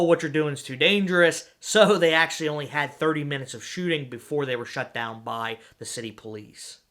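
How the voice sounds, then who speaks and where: Bright-voiced male trivia narrator. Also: mid-range voice. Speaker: video essay narrator. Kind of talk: conversational film-trivia narration.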